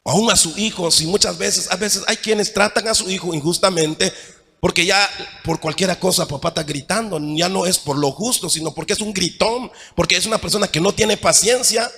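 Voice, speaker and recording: A Mexican man preaches from the pulpit in a high, bright register. He keeps checking in with the congregation and alternates emphatic, near-shouted points with quieter asides. His voice rings out with a long tail of echo through the church hall. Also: moderate pace. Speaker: pastor. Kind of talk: sermon.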